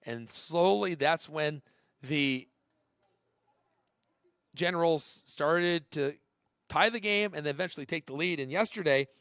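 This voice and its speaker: Male baseball announcer, conversational play-by-play, bursts of excitement on big plays, slightly raised pitch, dry close sound. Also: slow pace, pauses often, smooth, dry recording. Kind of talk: live baseball play-by-play commentary.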